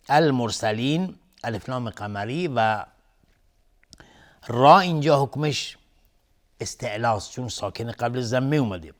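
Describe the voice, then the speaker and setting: Persian-accented guy teaching tajweed, calm explaining, chants the verses slow and drawn out. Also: mid-range voice. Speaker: Quran recitation teacher. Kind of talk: tajweed lesson, explaining then reciting.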